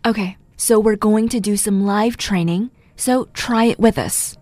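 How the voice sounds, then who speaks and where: Patient woman teacher narrating a lesson in a mid-pitched voice over faint music. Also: unhurried, a little mellow, no echo. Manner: patient, explains step by step. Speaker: English teacher. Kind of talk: scripted bilingual narration.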